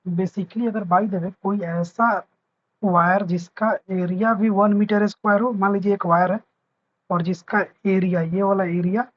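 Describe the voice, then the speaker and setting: A man with a high-sitting voice, recorded with the highs cut off, is teaching a physics lesson. He explains patiently, going over points again and checking that his students understand.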